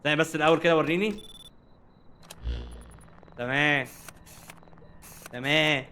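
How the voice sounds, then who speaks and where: A young man with an Egyptian Arabic accent giving jokey, animated commentary while playing a horror game and chatting to its characters. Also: a little high, moderate pace. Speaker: gaming streamer. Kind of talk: casual let's-play commentary.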